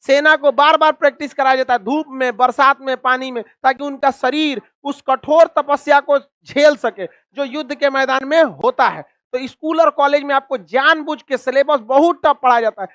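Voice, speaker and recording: A middle-aged male teacher lectures a classroom with scolding sarcasm. His voice sits high for a man and keeps asking rhetorical questions. The sound is dry and close. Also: steady tone, moderate pace, few pauses, fairly bright tone, no room sound. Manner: scolding, sarcastic, addresses students as donkeys.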